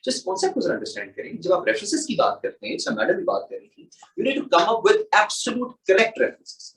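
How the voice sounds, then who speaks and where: Middle-aged male mentor, Pakistani Urdu accent, quick and animated, echoey distant mic. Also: sits high, gravelly. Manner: animated, rhetorical questions, mixes English terms. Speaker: exam mentor. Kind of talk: explaining in a panel talk.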